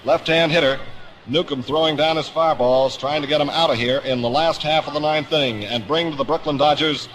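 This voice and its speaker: Broadcasting from the booth of an outdoor ballpark, a 1950s radio announcer delivers baseball play-by-play with florid drama. He speaks a little high and a little fast over a crowd, and this old recording sounds rough.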